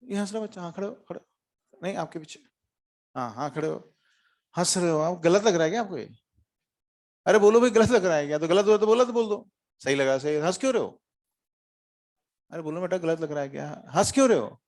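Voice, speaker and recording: A man's voice: high-pitched, fairly quick, long pauses, a little mellow. A man teaching a physics class to students, questioning them often and mixing in English terms. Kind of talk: classroom lecture.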